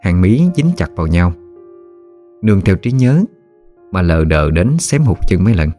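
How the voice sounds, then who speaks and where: A man narrating a story in a calm, measured storytelling voice. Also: low-pitched, soft background music.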